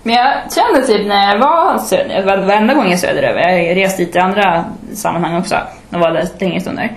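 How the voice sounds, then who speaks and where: Lively woman in an echoey room. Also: medium pitch. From northern Sweden. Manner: lively storytelling, mimics people. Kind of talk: casual chat.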